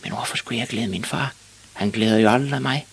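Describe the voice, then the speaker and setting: A man voicing an eager, excitable young boy. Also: mid-range voice, vocal fry, a little hiss or hum, pitched above the performer's own voice. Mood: pondering.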